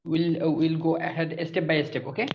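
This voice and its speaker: A man's voice: on the high side, little pitch movement, normal speed. A man from Bangladesh with a Bangladeshi accent, a freelance designer on a video call with a client, hesitant and full of uhs. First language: Bengali. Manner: hesitant, many uhs and repeated yeses. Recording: dull lo-fi video call audio.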